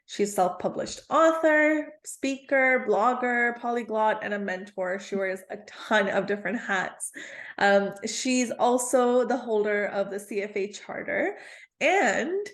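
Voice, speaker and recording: A woman's voice: a little high, a little slow, a bit bright. A woman hosting a podcast, upbeat and friendly as she introduces and interviews a guest. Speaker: podcast host. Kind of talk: casual interview conversation.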